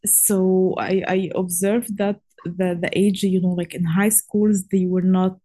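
A woman's voice: fairly low pitch, little pitch movement, measured pace, mellow. A young woman from Egypt in her twenties, answering interview questions casually and hesitantly, with frequent fillers and restarts. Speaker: guest.

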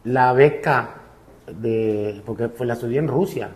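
A Cuban man in his fifties with a Cuban Spanish accent, a musician guest telling his life story in a relaxed way, with many fillers. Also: medium pitch, a little slow. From Cuba.

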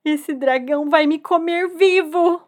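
A woman's voice: a little high, measured pace, a bit bright. A woman voicing a frightened, curious little boy in a storybook tale. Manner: frightened, pleading, wide-eyed.

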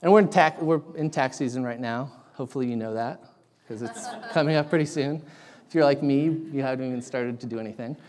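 A young man preaching a sermon in a casual, halting way with lots of ums, his voice carrying an echoey big-room sound. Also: medium pitch, a little mellow. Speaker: guest preacher.

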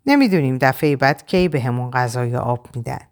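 A woman's voice: very deep voice, animated, pitched below the performer's own voice. A woman voicing a bitter, weary French prisoner. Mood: resigned. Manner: bitter, resigned.

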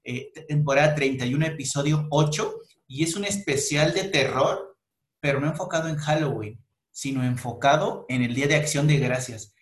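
A man's voice: a little high, normal speed. Slangy man, echoey room. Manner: animated storyteller, slangy, frequent restarts and laughs. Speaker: podcast host. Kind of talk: casual chat.

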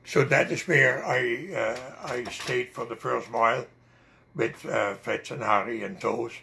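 An older man with a Dutch accent and a deeply gravelly, creaky voice recounts his memories. He rambles and pauses often between words as an interviewee. His pitch sits in an ordinary middle range. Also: pushed and bright, slight background noise. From Netherlands. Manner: rambling storyteller with many hesitations. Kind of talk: oral history interview.

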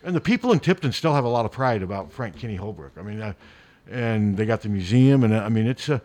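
A man's voice: on the low side, lively intonation, a little mellow. A man hosting sports radio, rambling and correcting himself as he talks. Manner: fast, rambling, self-correcting. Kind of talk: casual sports talk.

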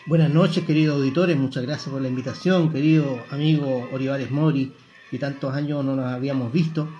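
A Chilean man introducing himself as a radio guest in a measured, formal way, with hesitant fillers. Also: medium pitch, fairly even intonation, warm tone, dull audio. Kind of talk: radio interview self-introduction.

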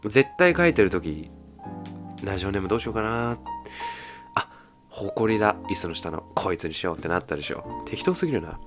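A man with a strikingly low voice reads out listener mail. His pitch swings widely as he jokes, and he shifts into teasing, deadpan comments. Soft music plays underneath. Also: fairly quick. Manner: deadpan joking asides, mock-boastful. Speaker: radio host reading listener letters. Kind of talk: casual solo radio show banter. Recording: faint music bed behind.

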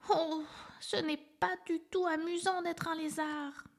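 A woman's voice: steady tone, a little slow, vocal fry, exaggerated voice. A woman voicing a stubborn little boy elephant calf in a storybook, speaking in a childlike way as he talks to himself. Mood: musing. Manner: squeaky, childlike, talking to himself.

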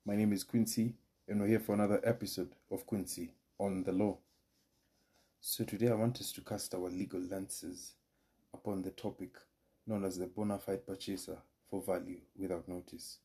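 A Kenyan man with a low, mellow voice lectures on law as a podcast host. He speaks formally and carefully, now and then restarting a phrase. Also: flat delivery, normal speed. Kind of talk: solo legal explainer podcast.

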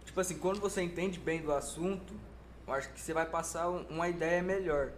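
A man, asking questions in a halting, hesitant way in a casual chat. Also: on the high side, a little hiss or hum. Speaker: interviewer. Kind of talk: casual conversation.

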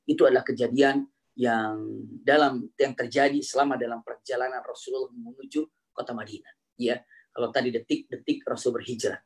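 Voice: medium pitch, fairly even intonation, brisk. A preacher telling a religious story as a sermon, repeating key phrases and asking rhetorical questions.

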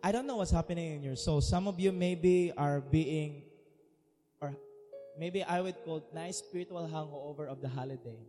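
A man's voice: fairly high pitch, normal speed, mellow. A man with a Filipino Cebuano accent preaching a sermon as a pastor, earnest and confessional, switching between languages. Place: church hall. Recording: reverberant church hall with music.

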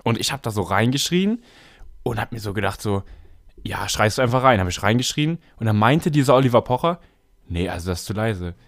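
A young man co-hosting a casual podcast, telling stories in a slangy, animated way with many fillers. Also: mid-range voice, fairly quick. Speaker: podcast co-host. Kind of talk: casual chat.

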